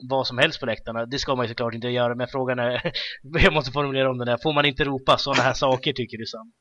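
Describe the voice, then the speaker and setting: A man's voice: medium pitch, fairly even intonation, pushed and bright, dry recording. A man hosting a podcast discussion, steering the talk with questions to his panelists. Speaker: podcast host. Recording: dry, dull lo-fi sound.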